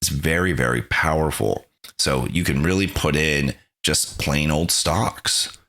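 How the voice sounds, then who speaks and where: Very deep-voiced male podcast host. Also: measured pace, pushed and bright. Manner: reflective, conversational. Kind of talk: podcast interview and narrated recap.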